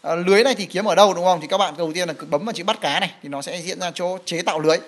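A man's voice: sits high, very fast. A man walking through a mobile game feature in casual talk, with many fillers, repeated words and frequent "right?" checks. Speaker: game guide presenter. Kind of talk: casual gameplay walkthrough.

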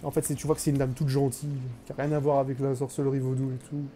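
A man's voice: medium pitch, little pitch movement, racing, warm tone, slight background noise. A young man streaming a live game, chatting with his viewers, joking and mocking himself as he plays. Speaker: gaming streamer. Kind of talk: live gameplay commentary.

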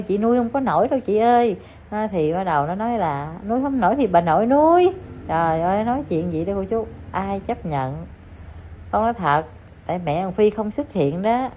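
A woman's voice: on the low side, warm tone, slight background noise. A woman giving casual, gossipy commentary to her viewers in an emphatic, repetitive, scolding manner. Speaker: online commentator addressing viewers. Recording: slightly dull lo-fi audio with faint ambience.

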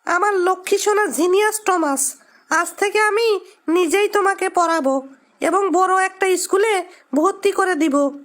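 A loving mother, acted by a woman soothes her little boy in a very high, gentle voice. She speaks with tender, patient affection, as in a radio drama. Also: a little slow.

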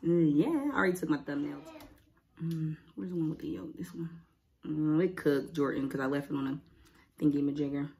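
Eating on camera indoors at home against a cloth backdrop, a young woman talks casually and rambles, murmuring to herself between mouthfuls. She speaks briskly in a low, warm voice with vocal fry.

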